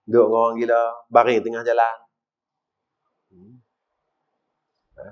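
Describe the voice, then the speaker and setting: A middle-aged man with a northern Malaysian accent giving a mosque lecture, asking the audience questions and swinging between loud and quiet. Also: medium pitch, monotone, unhurried. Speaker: religious teacher. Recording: dull lo-fi recording.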